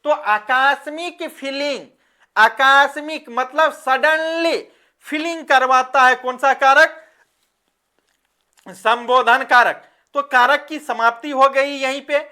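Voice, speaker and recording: A woman's voice: sits high, steady tone, slow, pushed and bright. A woman teaching a grammar lesson. She repeats her examples and keeps asking the listener questions.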